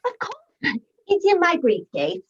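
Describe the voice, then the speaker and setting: A woman's voice: very high voice, wildly swooping pitch, a little slow, lo-fi sound, exaggerated voice. A woman playing a giggly, scatterbrained posh young secretary. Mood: dithering. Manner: breathless, giggly, dithering. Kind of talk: stage murder-mystery acting.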